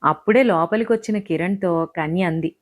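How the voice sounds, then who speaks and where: A woman narrating an audio story, expressive and scripted. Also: lowish voice, moderate pace.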